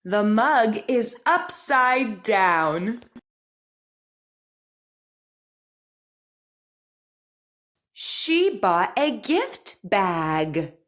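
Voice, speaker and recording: A woman leading an articulation drill as a speech teacher, over-enunciating practice sentences in a careful, deliberate, encouraging manner. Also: medium pitch, very animated, fairly bright tone.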